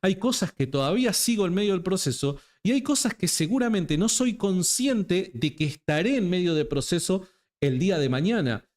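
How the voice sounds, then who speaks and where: Speaking at normal speed, this Argentine host sounds lively and high-pitched with a somewhat dark tone. His Rioplatense-accented interviewing is informal and warm, and he leans on repetition to stress points.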